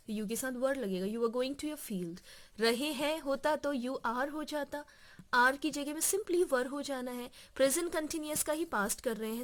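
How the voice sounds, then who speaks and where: An Indian-accented woman gives an online English grammar lesson. Her voice sits a little high, and she talks steadily, checking in with her students often. She slows right down for each English example sentence. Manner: patient, repeats rules and checks in with "ठीक है". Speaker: English teacher.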